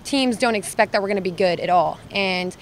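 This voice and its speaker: A woman's voice: mid-range voice, fairly quick, a little hiss or hum. A young woman from Utah, a college volleyball player, answering interview questions casually and hesitantly with many fillers. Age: young adult.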